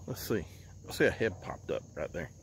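A man, chatting casually while fishing from an outdoor lake dock, recorded on a handheld phone and often talking low and hushed. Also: very animated, brisk, a little hiss or hum. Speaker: fishing vlogger. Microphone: handheld phone camera.

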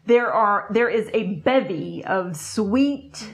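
Casual female food-review co-host, middle-aged, medium pitch, emphatic delivery. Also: lively intonation, takes it slowly. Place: small indoor room at a table. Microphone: lapel mic.

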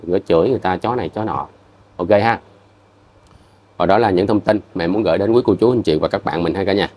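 A man's voice: low-pitched, quick pace, a little mellow. A man with a Southern Vietnamese accent, addressing his viewers in a heated commentary rant. He scolds bluntly and repeats himself. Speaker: vlogger.

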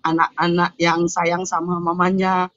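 Middle-aged woman from Indonesia, earnest testimony, animated delivery, dry, slightly muffled recording. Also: fairly low pitch, measured pace, no room sound. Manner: earnest, animated, often addresses the doctor. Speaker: guest telling her story. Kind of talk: emotional personal testimony.

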